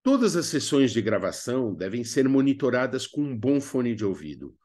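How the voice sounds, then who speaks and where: This radio theatre workshop instructor, a Brazilian-accented man, speaks at a normal pace in a mid-range, darkish voice that swings widely in pitch. His lesson is didactic, built around questions he asks and then answers.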